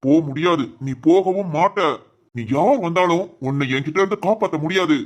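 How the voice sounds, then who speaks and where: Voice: medium pitch, brisk, natural voice. A voice actor playing a stern, scheming male village head in a cartoon drama who barks orders. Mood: menacing. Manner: commanding, barking orders.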